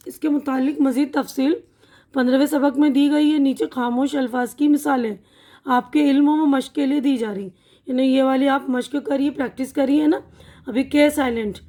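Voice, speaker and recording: A woman teaching an online spoken-English lesson, explaining words slowly and repeating each one, often checking in with her listeners. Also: high-pitched, dark tone. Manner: checks in with "theek hai na".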